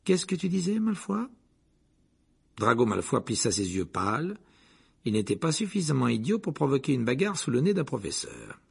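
A man narrating an audiobook with expressive storytelling. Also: mid-range voice, a little fast, creaky, husky.

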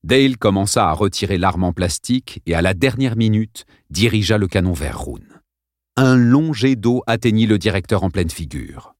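Low-voiced man reading a suspense audiobook. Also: expressive, moderate pace, no room sound, studio quality. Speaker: narrator. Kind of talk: audiobook narration.

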